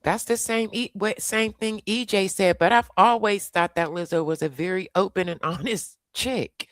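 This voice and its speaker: A woman's voice: mid-range voice, normal speed, no room sound. A woman hosting a casual celebrity gossip livestream, chatting loosely while she fumbles with video playback. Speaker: livestream host.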